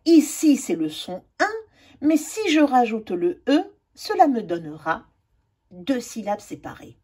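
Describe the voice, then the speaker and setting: A woman's voice: fairly high pitch, big pitch swings, unhurried, mellow, husky. A woman teaching a children's spelling lesson, spelling out letters and drawing words out carefully.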